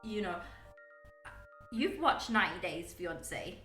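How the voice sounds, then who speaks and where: A woman's voice: lowish voice, animated, slow pace, fairly bright tone, roomy sound, distant mic, soft background music, poor audio. A young woman from Guyana and the UK chatting casually as a podcast host, rambling with lots of fillers and restarts. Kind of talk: casual chat.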